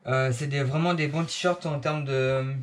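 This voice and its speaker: A man's voice: mid-range voice, fairly even intonation, a little slow, a little hiss or hum. A man casually reviewing clothes he bought, with many fillers and restarts.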